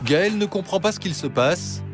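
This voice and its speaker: A man reads dramatic documentary narration in a measured way. His voice is fairly high for a man, and loud music plays under him. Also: lively intonation. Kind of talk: scripted narration.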